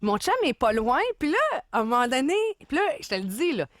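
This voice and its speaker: Chatty quebec woman with beauce accent, bit high. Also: very animated, a little fast, no echo, studio quality. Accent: Beauce Quebec French. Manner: chatty, laughing, acts out voices in her stories. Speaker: radio co-host. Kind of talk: casual radio storytelling.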